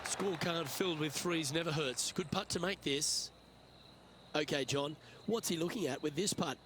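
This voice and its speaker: A man playing a composed lead golf commentator, calling each shot in a measured broadcast style for a video game. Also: on the high side, noisy background, natural voice. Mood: composed, engaged. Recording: crowd and outdoor ambience behind.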